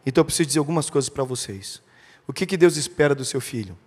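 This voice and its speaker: A man's voice: medium pitch, expressive, very fast, a little mellow, breathy edge. A Brazilian man preaching an impassioned, emphatic sermon as pastor, speaking directly to his congregation. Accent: Brazilian Portuguese. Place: church sanctuary. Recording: long church hall reverb.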